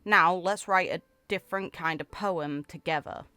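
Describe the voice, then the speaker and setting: A gaming creator reads game character lore with flair and casual remarks, her voice on the low side and sharp in tone at normal speed. No room sound is audible, only background music beneath her speech.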